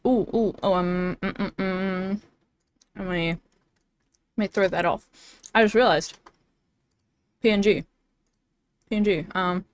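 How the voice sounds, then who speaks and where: A young woman streaming live, chatting casually and giggling often, with lots of fillers. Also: lowish voice. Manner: bubbly and giggly, many fillers.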